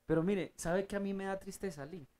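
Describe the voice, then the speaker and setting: Emphatic and fairly quick, a medium-pitched Bible teacher leads a study group, asking the audience questions and answering them himself, with loud bursts that rise in pitch.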